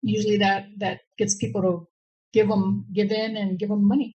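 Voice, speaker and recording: An older woman talking casually, softly, often repeating "wow" between thoughts. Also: medium pitch, flat delivery, moderate pace, lo-fi sound. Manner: soft-spoken, repeats "wow". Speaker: scam victim. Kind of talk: casual conversation.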